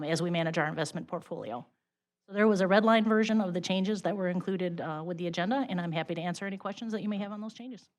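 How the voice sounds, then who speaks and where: A woman, a city administration director, briefly presenting a policy change to the council in a businesslike way. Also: fairly low pitch. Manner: quick, businesslike. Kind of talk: presenting a staff report.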